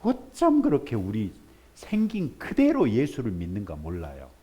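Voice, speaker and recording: A man preaching to his congregation, his pitch swinging widely as he tells the story. He switches between quiet, plain asides and loud, animated bursts when he plays the people in it. His voice sits at a middle pitch. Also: normal speed, husky. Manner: animated storytelling, acts out characters in raised voice. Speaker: pastor. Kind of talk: sermon.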